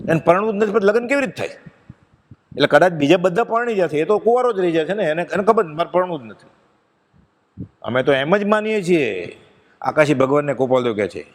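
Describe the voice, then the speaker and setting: A man giving a devotional discourse to a gathering, telling stories with feeling and reciting verses slowly. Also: on the high side. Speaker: spiritual discourse speaker. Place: pilgrimage satsang gathering. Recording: long hall reverb.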